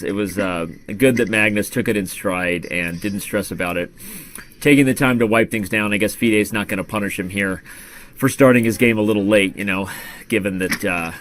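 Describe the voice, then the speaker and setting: A man's voice: on the low side, fairly bright tone, a little hiss or hum. A man narrating a chess video clip in an amused, upbeat way. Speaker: commentator. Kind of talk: video commentary.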